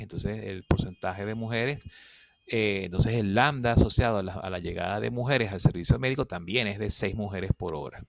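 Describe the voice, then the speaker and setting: A male teacher explains a worked statistics problem step by step in a patient, steady way, often pausing to ask whether students are following. His voice is gravelly. The recording is dry and close. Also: on the low side, no room sound. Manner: patient, checks understanding with "¿ok?" and "fíjense".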